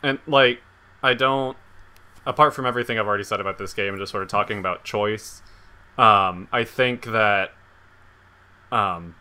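A man's voice: fairly low pitch, normal speed, long pauses, sharp tone, clear, resonant tone. A man co-hosting a casual game podcast, rambling with lots of "like" and restarts. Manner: rambling, heavy use of "like". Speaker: podcast co-host. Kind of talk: casual chat.

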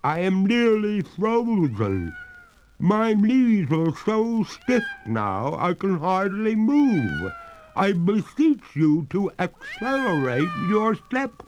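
Here is a female water ghost, genteel and half frozen, who pleads to be let go on. A man puts her on, sending his voice high and swooping over a hiss of background noise. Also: very animated, slow, heavily acted, poor audio. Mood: pleading. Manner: genteel, plaintive and beseeching.

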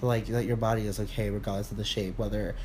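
A man in casual podcast chat, rambling with many fillers and restarts, candid and quick to laugh. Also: on the low side, flat delivery, a little mellow, slight background noise. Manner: laughs often, candid and profane. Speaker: podcast co-host.

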